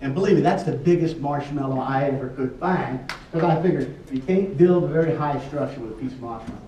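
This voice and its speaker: A man's fairly high, dark-toned voice comes quickly as he plays the folksy, joking workshop presenter, explaining a challenge to the group in a relaxed way and repeating questions. Captured from afar in a large, echoing indoor space, the audio is dull with a little hiss or hum.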